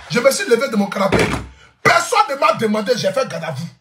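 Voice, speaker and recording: A man's voice: sits high, sing-song, fairly quick, noisy background. Boisterous man in an echoey room. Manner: boisterous, laughs often, repeats his phrases. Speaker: social media influencer. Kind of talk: casual comic vlog monologue.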